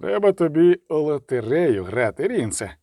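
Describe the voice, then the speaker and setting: Sardonic middle-aged coroner, measured and menacing, somewhat high voice, as a man reads him. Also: sing-song, mellow, dry recording, studio quality. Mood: dry.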